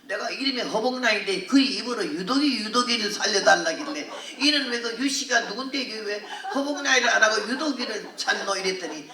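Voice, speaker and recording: Brief: older woman revival preacher, high bright voice, echoey hall, mic far. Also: brisk, few pauses. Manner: earthy, animated storytelling with laughter. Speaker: missionary preacher. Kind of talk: revival sermon testimony. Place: large hall at a prayer retreat.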